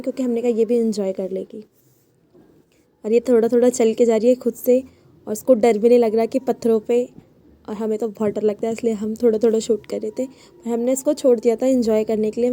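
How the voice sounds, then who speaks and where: A young woman talks through a family road trip in a chatty vlog voice that is a little high and mellow. She keeps coming back to the same easy phrases, narrating stop after stop for her viewers. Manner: chatty, repeats phrases like "so finally". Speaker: vlogger. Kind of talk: casual travel vlog narration.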